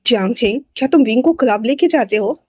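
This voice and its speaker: A woman's voice: a little high, animated, fairly quick, mellow, no room sound. A woman voicing a strict mother who scolds her two sons in a read-aloud fan story. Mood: scolding. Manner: scolding, bossy.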